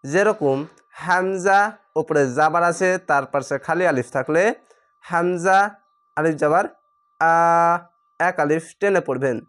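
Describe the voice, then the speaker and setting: Male teacher with a Bangladeshi Bengali accent, very slow and patient, drilling letter sounds one at a time. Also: on the high side, a bit bright. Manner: spells letters out slowly, repeating each sound. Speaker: Quran reading teacher. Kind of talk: slow step-by-step lesson.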